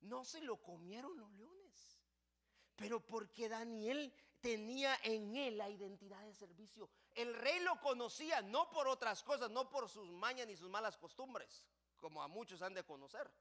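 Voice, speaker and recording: A man preaching a sermon in church, impassioned, swinging between loud passages and hushed ones. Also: high voice, expressive, normal speed. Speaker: pastor.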